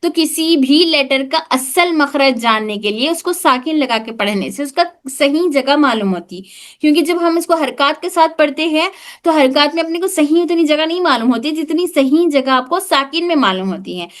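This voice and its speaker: A woman's voice: high voice, lively intonation, moderate pace. A woman teaching an online class on the sounds of Arabic letters, patiently demonstrating each sound and repeating it. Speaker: tajweed teacher. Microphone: video call.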